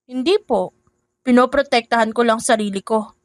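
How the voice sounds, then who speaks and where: A young stepdaughter in a narrated audio drama, steady and respectful yet firm, as a woman voices her. The tone sits slightly high and sounds close to the mic with a dry finish. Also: normal speed, dry recording, natural voice. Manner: calm, polite and firm. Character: young stepdaughter, calm, polite, newly brave.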